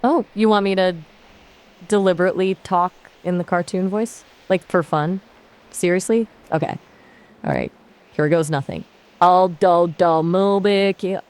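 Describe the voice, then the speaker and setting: A synthetic woman's voice chats as an AI gaming companion. She is upbeat and polite, with a slightly low pitch. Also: sing-song, moderate pace, a little mellow. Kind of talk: casual chat.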